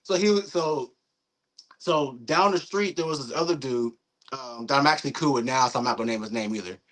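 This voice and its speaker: A young man, a guest in a casual interview, telling a story in a lively, profane way, acting out what people said. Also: mid-range voice, brisk, rough recording. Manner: animated, profane storytelling with acted-out quotes.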